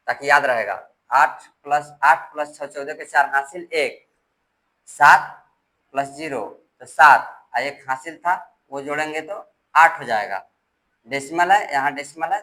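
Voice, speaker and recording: A math teacher with a bright, forceful, rather high voice walks through decimal addition step by step, patiently repeating himself and reading out each digit individually. The audio quality is poor.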